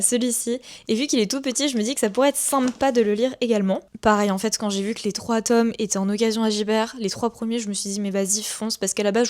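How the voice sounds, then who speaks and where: A woman's voice: fairly high pitch, darkish tone. Chatty enthusiastic young woman vlogger. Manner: enthusiastic, chatty, many fillers. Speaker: book vlogger. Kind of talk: casual vlog chat. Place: at home at her desk.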